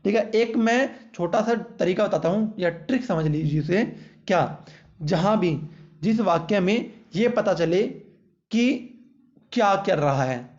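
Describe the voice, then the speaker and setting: A man's voice: high voice, lively intonation, unhurried, darkish tone. A man teaching exam-prep grammar, constantly repeating "ठीक है" and quizzing the listener with rhetorical questions, with playful jokey examples. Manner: jokey, uses playful baby-talk examples. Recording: dull lo-fi audio.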